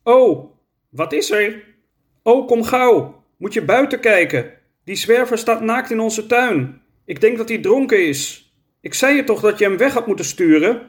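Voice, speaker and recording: A man voicing an excitable, boastful young girl in a children's story read aloud. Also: a little high, measured pace, pitched above the performer's own voice. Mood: alarmed. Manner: exclamatory, boastful. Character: bold, excitable young girl, bit of a show-off.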